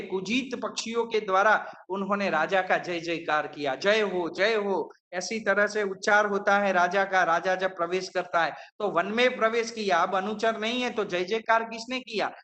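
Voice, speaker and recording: A male professor teaching a Sanskrit verse, quizzing his students and slowly repeating each word. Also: high voice, pushed and bright. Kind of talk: classroom lecture on Sanskrit verse.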